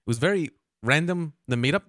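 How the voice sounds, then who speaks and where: A man's voice: a little high, expressive, fast talker, a bit bright, no echo. Chatty man talking to his viewers, dry sound. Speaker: streamer. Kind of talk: casual chat with viewers.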